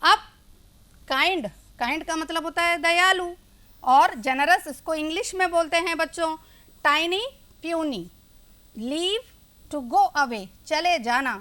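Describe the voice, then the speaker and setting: A woman's voice: very high voice, takes it slowly, pushed and bright. A woman teacher, explaining English words in Hindi to children during a classroom lesson.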